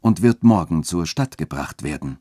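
A man reading a story aloud and voicing a scheming, smooth-talking church dean who shifts between insistence and soft coaxing. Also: deep voice, animated, moderate pace, no echo, studio quality. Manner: insistent, then softly coaxing. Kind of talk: literary reading.

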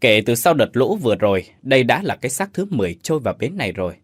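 A man voicing a gruff older male hamlet chief with a deep, booming voice. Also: big pitch swings, fast talker, no room sound, studio quality. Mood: stern.

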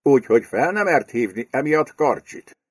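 A man's voice: mid-range voice, animated, breathy edge, no room sound, clean studio sound, voice pushed up. A man playing a brutal fat property shark. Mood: menacing. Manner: menacing, bullying, crude. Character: fat, brutal male property speculator, domineering. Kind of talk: audiobook character voice.

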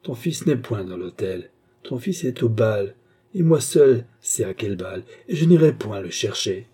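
A stern, implacable old soldier, performed by a man reading a novel aloud, speaking with contemptuous authority. The voice sits low and dark, with a husky grain. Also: expressive, unhurried. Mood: grim. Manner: harsh, commanding, contemptuous. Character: old vengeful former hussar servant, implacable.

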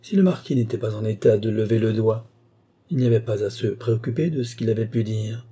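A man reading a classic novel aloud as narrator, in measured, even storytelling. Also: fairly low pitch, breathy edge. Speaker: audiobook narrator. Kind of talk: scripted literary narration.

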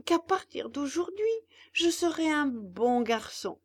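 A woman's voice: high voice, animated, slow pace, voice pushed up. A woman voicing a hungry, bratty wooden puppet boy in a storybook reading, whining and demanding. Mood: pleading.

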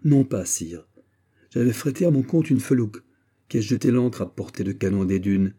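Audiobook: male reader as a musketeer captain, soldierly, husky, low. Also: lively intonation, normal speed, dark tone. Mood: earnest. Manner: respectful, soldierly, earnest. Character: loyal veteran musketeer captain, bold and courteous. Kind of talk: audiobook character reading.

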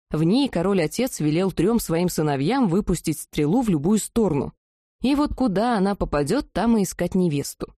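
Warm-voiced woman narrating a fantasy audiobook. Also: medium pitch, dry recording, studio quality.

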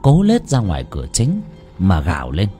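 A man narrating a ghost story in an expressive, dramatic way. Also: moderate pace, faint music behind. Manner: expressive, swooping between high and low.

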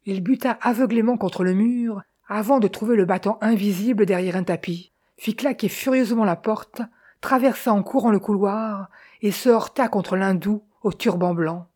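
A woman narrating an audiobook in a measured storytelling manner. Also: mid-range voice, mellow, husky. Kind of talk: scripted narration.

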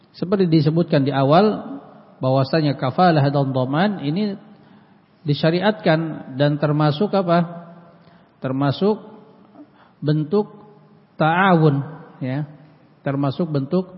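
A man giving a religious study lesson, reading Arabic passages and explaining them plainly, often repeating key words and clearing his throat. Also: on the high side. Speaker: Islamic study teacher. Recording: dull lo-fi audio with long hall reverb.

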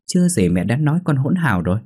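A man's voice: mid-range voice, sing-song, fast, a little mellow, husky, pitched above the performer's own voice. A man voicing a defiant young wife. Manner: pleading but defiant, talks back. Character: defiant young daughter-in-law, pregnant.

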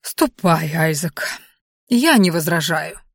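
A tipsy gallant prince, wheezy and flattering, as a woman reads him in an audiobook. He drawls his words out slowly, close and dry. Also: low voice, dry recording, heavily acted. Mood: drawling.

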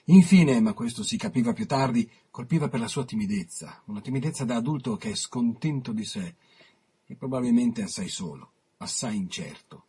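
A man on the radio reading his own written interview aloud, measured, with dramatic pauses. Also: medium pitch, expressive, mellow, husky.

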